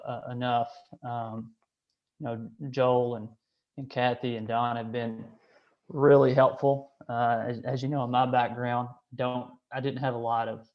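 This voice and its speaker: A man, hosting an online meeting in a hesitant way, with many restarts and fillers. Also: mid-range voice. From Kentucky, USA. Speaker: association director hosting a call. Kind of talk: casual online meeting talk. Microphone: video call. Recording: slightly dull call audio.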